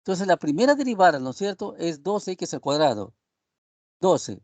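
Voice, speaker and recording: This university professor, a man, runs an online video-call class at a moderate pace in a high-pitched, slightly mellow voice with big pitch swings, recorded dry. He rambles, uses plenty of tag questions, and greets the class as "estimados alumnos".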